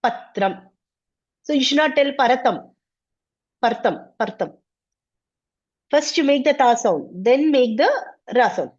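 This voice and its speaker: A woman's voice: high-pitched, expressive, moderate pace. A woman teaching a Sanskrit class online, explaining patiently and step by step. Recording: slightly dull lo-fi audio.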